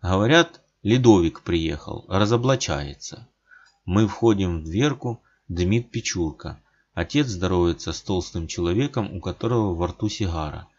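A man narrating a literary audiobook in a measured, plain manner, in a dull lo-fi recording. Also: low-pitched, expressive, a little mellow.

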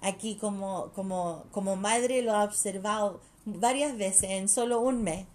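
A woman's voice: mid-range voice, unhurried. A mother chatting casually and bluntly, swearing freely and switching between languages mid-sentence. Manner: blunt and profane. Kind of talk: casual chat.

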